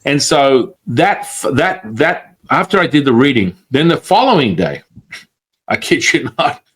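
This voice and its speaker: A man, a guest on the show, telling a story in casual talk, animated and quick to act out quotes, with frequent swearing. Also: on the high side, slightly rough.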